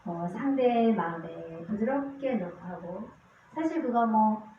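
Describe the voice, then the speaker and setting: A deaconess with a slightly high voice and lively intonation speaks at a measured pace, reading scripture and then sharing earnest street evangelism stories with acted-out voices. There is slight background noise. The recording is lo-fi and echoey, from a distant microphone in a church sanctuary.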